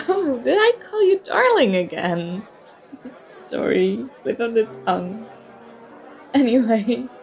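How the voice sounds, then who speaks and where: Heavily acted and very slow, with long pauses and big pitch swings, a woman's slightly high, gravelly voice carries this one-sided ASMR roleplay. She plays a flirty, charming party-bar stranger, coy, teasing, playful and mock-apologetic, over soft music and crowd murmur.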